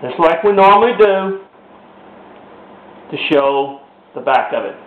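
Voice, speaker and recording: A man teaching woodcarving in a casual step-by-step demonstration, talking as he works, pausing and restarting his sentences. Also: fairly high pitch, animated. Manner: talks while carving, pausing and restarting sentences. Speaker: woodcarving instructor. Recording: roomy, dull lo-fi home video recording.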